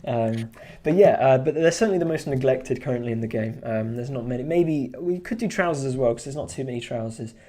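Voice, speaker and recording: Speaking briskly with hardly any pauses, this man has a warm, medium-pitched voice. He's a streamer and artist who rambles casually as he draws live, full of fillers and restarts.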